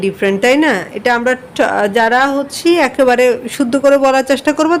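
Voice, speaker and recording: Woman, high voice, Bangladeshi English teacher, patient word-by-word explanations, faint hiss behind. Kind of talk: online class lesson.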